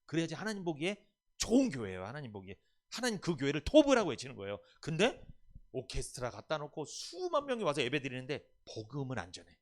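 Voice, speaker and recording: A man's voice: on the high side, huge pitch swings, fast talker. A male pastor preaching a sermon, asking his congregation questions and answering them himself.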